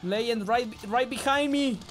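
A man with a Mexican accent giving excitable live gameplay commentary, swearing and often yelling. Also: very high-pitched, slow pace, faint music behind. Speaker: game streamer.

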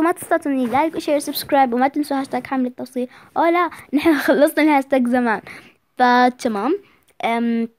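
A woman rambles affectionately to her viewers as a channel host. Her voice is high, with quick bursts of speech. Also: dry recording. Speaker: YouTube story channel host. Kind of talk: casual sign-off to viewers.

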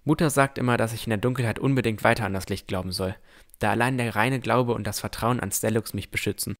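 In a fantasy audio drama, a man voices a cautious, thoughtful young explorer narrating his own adventure in scripted first person. His voice is low and he talks fast, acting it lightly in a calm narrating mood.

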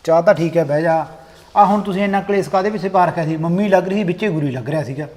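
A man's voice: fairly high pitch, rapid-fire, darkish tone. A man with a Punjabi accent playing an impatient husband in a family skit, giving orders. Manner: impatient and commanding.

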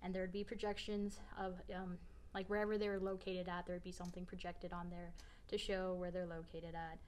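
A woman's voice: lowish voice, little pitch movement, a little fast, darkish tone, slight background noise. A woman, a scenic designer, explaining her work casually with lots of fillers.

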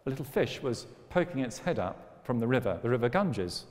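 A man's voice: medium pitch, sing-song, a little fast, darkish tone. A man lecturing on philosophy in a wry, storytelling manner. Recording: long hall reverb.

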